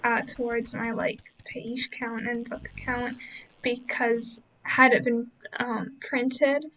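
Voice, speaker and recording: A young woman talks casually over gameplay footage in a relaxed voice-over. Her voice sits high and slips into gravelly fry at phrase ends. She rambles gently, hedging often with fillers. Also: slow pace, slight background noise, rough recording. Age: young adult. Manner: rambling, many fillers and hedges. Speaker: book vlogger.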